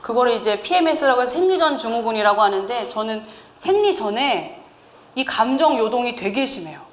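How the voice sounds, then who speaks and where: A woman in her thirties giving a chatty sermon, lively and often laughing as she teases the congregation. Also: a little high, brisk. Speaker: preacher. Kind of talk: conversational sermon. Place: church sanctuary. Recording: echoey church hall with faint ambience.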